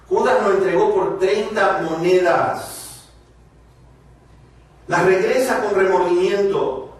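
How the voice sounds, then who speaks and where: A man's voice: sits high, distant mic. A man preaching a sermon, speaking emphatically to his congregation, his voice rising and falling. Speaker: pastor. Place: church hall. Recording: very echoey hall, voice from afar.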